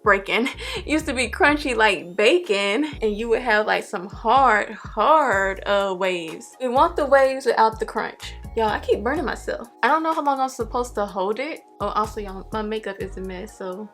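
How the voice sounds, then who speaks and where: A woman's voice: a little high, normal speed, hardly any pauses, fairly bright tone. A woman in her twenties with a slight lisp from wearing a retainer, chatting casually to viewers in a hair tutorial. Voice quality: slight lisp from wearing clear dental aligners. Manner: informal, chatty, talking to viewers as friends. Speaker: beauty vlogger. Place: carpeted bedroom, indoors. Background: music.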